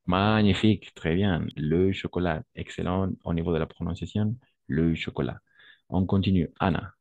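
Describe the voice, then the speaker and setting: A man's voice: low-pitched, moderate pace, a little mellow, no echo, muffled recording. A man teaching French in an online lesson, patiently repeating words and correcting pronunciation.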